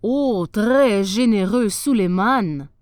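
A woman's voice: mid-range voice, slow, a little mellow, dry recording, studio quality, lightly acted. A woman voicing an earnest, hearty male ship captain.

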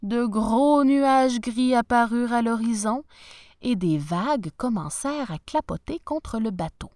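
A woman narrating a children's storybook with an expressive, animated reading voice. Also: a little high, a little slow, no room sound, studio quality.

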